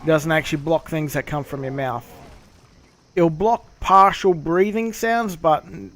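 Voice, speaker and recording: A man streaming a game, chatting casually and explaining things with swearing and halting pauses. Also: on the high side, a bit bright. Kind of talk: casual gameplay commentary and chat.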